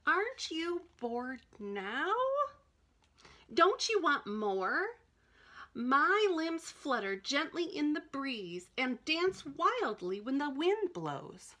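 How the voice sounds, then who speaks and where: A woman voicing a tall pine tree in a storybook, gentle and coaxing. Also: high voice, sing-song, slow pace, voice pushed up, heavily acted.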